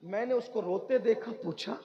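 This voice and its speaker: Male preacher, high voice, dramatic storytelling sermon, repetitive and emphatic, muffled lo-fi sound. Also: normal speed, slight background noise. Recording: dull lo-fi recording.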